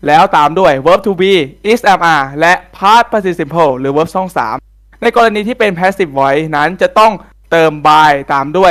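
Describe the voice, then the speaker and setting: A man's voice: high voice, a bit bright. A young man giving a student class presentation, explaining grammar step by step in a polite manner.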